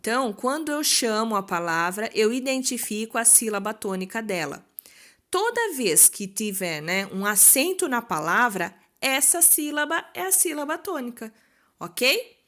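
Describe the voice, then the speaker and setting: A Brazilian woman teaching a recorded school lesson, slowly drawing out words to show their stressed syllable and playing her pupils' questions herself. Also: on the high side, sing-song, fairly bright tone. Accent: Brazilian Portuguese. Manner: voices imagined pupils' questions.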